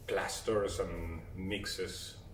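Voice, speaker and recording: Low-voiced man, Argentine Spanish accent, native Spanish speaker, halting mixed-language interview talk, slow pace, roomy sound. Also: steady tone. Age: 40s. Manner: halting, searching for words, switching between languages. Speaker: interview guest, perfumer. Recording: roomy echo, distant mic, faint noise.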